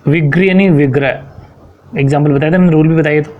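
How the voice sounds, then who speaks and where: A man's voice: a little high, steady tone, rapid-fire, phone-quality sound. Man teaching a step-by-step grammar lesson. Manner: explains step by step, often checks in with "ठीक है".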